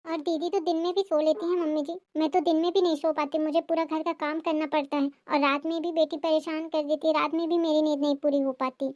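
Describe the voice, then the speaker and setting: A woman's voice: sits high, little pitch movement, fairly quick, hardly any pauses, a little mellow, no echo, natural voice. A woman voicing a weary young mother and daughter-in-law who pleads and explains in a cartoon family drama. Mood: pleading.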